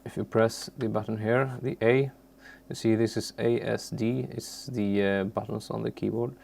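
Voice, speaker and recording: This man, not a native English speaker, talks through a software tutorial off the cuff and stumbles as he reaches for the right words. His voice sits on the low side, gravelly, with a steady tone.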